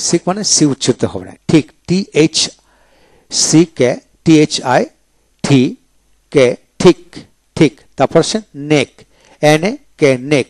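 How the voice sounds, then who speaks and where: A man's voice: on the high side, a little mellow, no echo. A man teaching English pronunciation, spelling each word out letter by letter and repeating it. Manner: slow, drilling each word twice.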